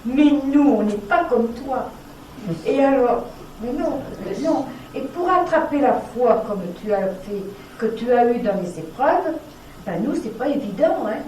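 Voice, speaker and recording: A woman's voice: fairly high pitch, expressive, measured pace, a little mellow, slight background noise. A woman from the audience asking a hesitant question and searching for her words. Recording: echoey room, speaker far from mic.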